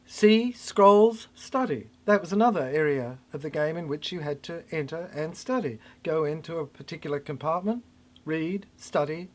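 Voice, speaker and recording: An older person gives a rambling, cryptic monologue in halting fragments, repeating phrases for emphasis. The voice is mid-range with lively intonation.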